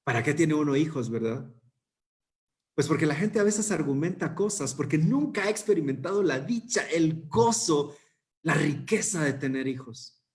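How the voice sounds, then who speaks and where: A man preaches at a youth service. His voice sits somewhat high for a man, and he keeps a conversational tone with rhetorical questions and small restarts. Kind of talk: sermon.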